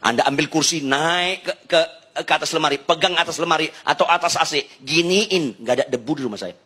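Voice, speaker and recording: A man from Indonesia preaching a humorous sermon to a live congregation, telling stories and bantering with the listeners. He swings between loud outbursts and quiet asides. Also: on the high side, brisk, breathy edge. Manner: lively storytelling, banters with the congregation.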